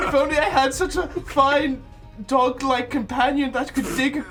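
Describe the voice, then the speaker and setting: A man's voice: extremely high pitch, fairly even intonation, measured pace, recorded from a distance. A man voicing a bandaged grave-robber who pretends to be a frail old woman, in a quavering, melodramatic manner. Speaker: player. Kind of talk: tabletop role-play voice. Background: background music.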